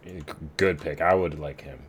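A man's voice: extremely low pitch, fairly even intonation, normal speed, slightly rough. A man co-hosting a podcast, chatting casually and teasing dryly during a fantasy draft. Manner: dry, teasing. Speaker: podcast co-host.

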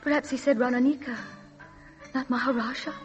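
An actress playing an alluring, anxious, scheming princess in an urgent 1940s radio drama style. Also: female voice, high-pitched, fairly even intonation, brisk, highs cut off, faint music behind, close to an everyday voice. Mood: grave, bitter.

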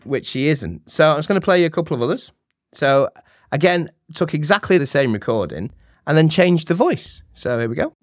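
A man's voice: a little high, lively intonation, brisk, no echo, clean studio sound. A man with a Manchester accent co-hosting a podcast, explaining things in a chatty, self-deprecating way. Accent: Mancunian. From England. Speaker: podcast co-host. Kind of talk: casual chat.

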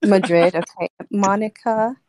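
A woman guest on a casual football podcast, calmly going around the group for predictions. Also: medium pitch, no room sound. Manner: unhurried, gathers predictions.

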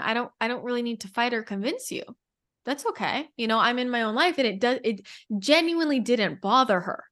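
A woman's voice: on the high side, a bit bright. Rambling woman telling a spiritual story. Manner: rambling storytelling with frequent restarts. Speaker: podcast conversation partner. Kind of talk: casual spiritual podcast conversation.

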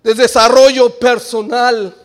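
Male preacher, very high voice, loud calls that drop to quiet asides. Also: level tone, slow. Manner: swings between shouted exhortation and quiet joking asides. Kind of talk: sermon. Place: church.

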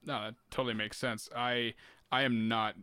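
Male podcast host with a bright, lowish voice, encouraging and casual, dry close sound. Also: level tone, moderate pace, smooth, dry recording. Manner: encouraging, laughs easily, casual swearing.

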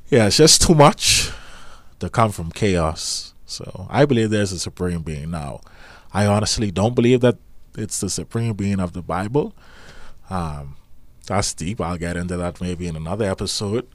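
A man with a lowish voice in a dry, close recording, chatting as a podcast co-host. He is informal and slangy, and feels his way haltingly through what he says. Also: expressive, no echo. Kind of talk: casual chat.

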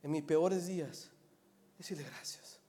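A male pastor preaching a sermon in church, moving from quiet asides to loud, animated emphasis. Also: on the high side, measured pace. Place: church service with slides.

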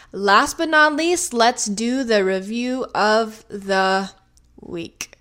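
A woman's voice: medium pitch, a bit bright. A woman hosting a podcast, reading her sponsor message and listener review, then welcoming and questioning a guest in an upbeat, friendly way. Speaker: podcast host. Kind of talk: podcast host reading ads and interviewing.

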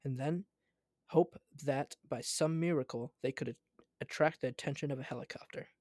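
A man's voice: medium pitch, moderate pace, darkish tone, no echo. A man reading a story aloud, often stumbling and correcting himself as he goes.

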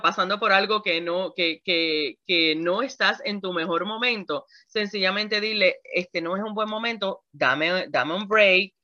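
A woman pastor, preaching about communication, animated, acting out examples and speaking straight to her listeners. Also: medium pitch, highs cut off. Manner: animated, acts out examples with shifting tones; addresses the audience directly, laughs often. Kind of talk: sermon on communication.

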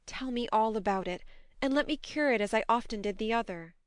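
A woman reading an audiobook as a brisk, affectionate young woman, a bossy tomboyish elder sister with a forthright manner. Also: fairly high pitch, clean tone, no echo, studio quality, natural voice. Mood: anxious, tender. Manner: admonishing, forthright. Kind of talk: audiobook character dialogue.

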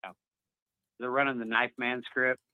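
Male phone-in caller, tinny phone line, dry and close, rambling conspiracy talk, mid pitch. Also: little pitch movement, normal speed, smooth, dry recording. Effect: heard over a phone line. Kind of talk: casual call-in chat.

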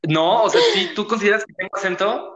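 A man's voice: high-pitched, very animated, brisk, fairly bright tone, lo-fi sound. A young man with a Mexico City accent hosting a casual podcast, slangy and laughing often. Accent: Mexico City Spanish. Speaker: podcast host.

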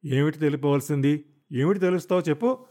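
A man voicing an exasperated, worn-out husband who snaps back in sharp, defensive retorts in an audiobook. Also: medium pitch, normal speed, close to an everyday voice. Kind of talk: audiobook character voice.

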